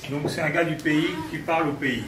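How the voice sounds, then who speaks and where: A man's voice: on the high side, fairly even intonation, a little fast, crowd noise. A man hosting a live poetry evening, introducing guests in a casual, hesitant way. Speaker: event organizer and host. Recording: echoey room, far from mic, noisy.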